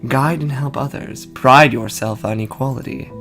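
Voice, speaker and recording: A man plays a suave, kind-hearted pacifist from a story game, with a measured, earnest delivery at a middling pitch. Faint guitar music plays behind him. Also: fairly bright tone, lightly acted. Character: suave, kind purple-haired male pacifist. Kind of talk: reading game dialogue aloud.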